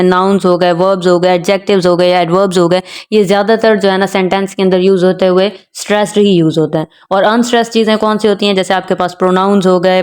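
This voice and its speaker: Female lecturer, mid pitch, smooth resonant tone, careful slow delivery of examples. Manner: repeats the filler "jo hai na" constantly. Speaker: teacher. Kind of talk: explaining a lecture, mixing English terms.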